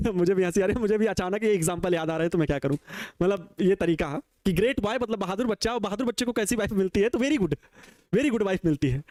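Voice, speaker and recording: Male physics tutor, high voice, jokey call-and-response teaching, dry close sound. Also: animated, fast, a little mellow, no echo. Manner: playful, teasing, laughs at his own jokes; repeats questions and answers in call-and-response. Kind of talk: jokey classroom lecture. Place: small teaching studio with a digital board.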